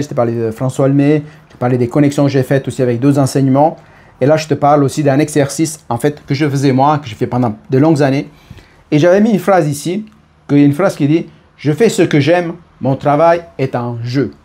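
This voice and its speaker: A man's voice: medium pitch, mellow. A middle-aged man with an Italian accent, talking casually to camera about personal growth and often restarting his phrases. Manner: hesitant, restarts phrases, speaks to the listener as tu. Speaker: personal development speaker.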